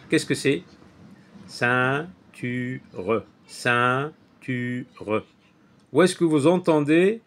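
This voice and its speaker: A man leads a children's phonics lesson at a slow, deliberate pace. He repeats each word two or three times, stretching the syllables so young learners can follow. His voice sits at a middle pitch. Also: a bit bright. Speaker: teacher.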